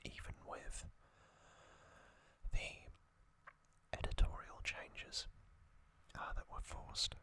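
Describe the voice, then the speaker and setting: An adult ASMR host narrates in a soft, deliberate whisper, often pausing between short phrases in a reflective way.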